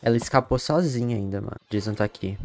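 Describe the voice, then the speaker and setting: A young Brazilian man streaming a horror game, chatting casually, swearing a lot and breaking into loud panicked yells. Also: fairly low pitch, fast. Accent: Brazilian Portuguese. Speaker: gamer streamer. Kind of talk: live gameplay commentary.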